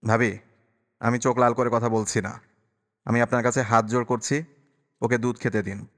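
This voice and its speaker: A grave, protective young uncle, read by a male narrator in a voice close to his own, earnest and firm. The man's voice is mid-pitched, and it rings with a long echo. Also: level tone, normal speed, lightly acted.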